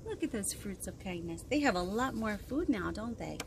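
A woman in her thirties, a children's librarian, leads storytime for little kids on a wooden deck near trees, sing-song and expressive, with plenty of questions. She speaks at medium pitch and a moderate pace, and the windy outdoor recording carries clear noise.

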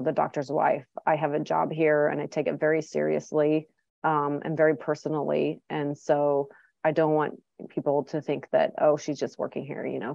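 A middle-aged clinic director with a low, mellow voice and vocal fry answers interview questions chattily, full of ums and restarts. The recording is dry, dull and lo-fi.

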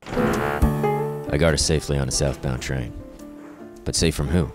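A man doing a very deep hard-boiled detective. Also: measured pace, loud music behind the voice. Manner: deadpan, wisecracking. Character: hard-boiled ex-cop male newspaper detective. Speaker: narrator and detective character. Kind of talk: comic noir voice-over narration.

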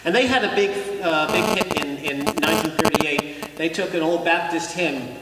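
Brief: a male lecturer-performer, high voice, dry wit, recorded far off in a reverberant church. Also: animated, moderate pace, heavy background noise. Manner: wry, conversational storyteller. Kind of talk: live documentary lecture. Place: church, indoors. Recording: echoey church from a distance.

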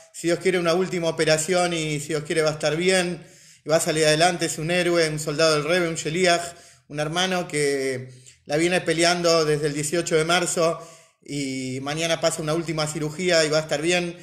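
Guy teaching a religion class, fairly high voice, keeps rephrasing and asking himself questions. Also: steady tone, normal speed, a bit bright. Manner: explanatory, rephrases points, asks rhetorical questions.

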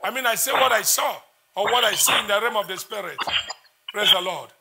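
A man's voice: high-pitched, a little fast, sharp tone, slight background noise. A man, preaching as a prophet in a church service, intense and repetitive as he declares prayers.

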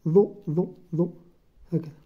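A teacher with a Moroccan accent giving a first-grade Arabic writing lesson, slowly sounding out letters and syllables one by one. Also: mid-range voice, slightly rough. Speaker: primary school teacher. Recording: dull lo-fi recording.

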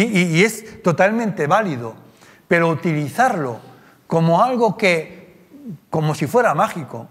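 A male preacher with a Spain Spanish accent talks through his sermon in a chatty way. He keeps checking in with rhetorical questions, and his voice sits a little high. Long reverb from the church hall trails behind him. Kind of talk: conversational sermon.

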